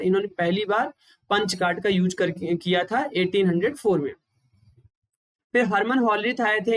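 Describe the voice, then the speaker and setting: A man teaching a computer lecture for exam preparation. He explains step by step, repeats key points and pauses often to restart his sentences. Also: high voice, no room sound, low-quality recording.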